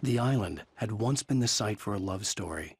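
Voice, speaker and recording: An actor voicing a brooding, troubled writer husband with a quick temper in a video game. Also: male voice, on the low side, animated, slight background noise. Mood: brooding, reflective. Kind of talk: video game acting with first-person narration. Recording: loud game music behind.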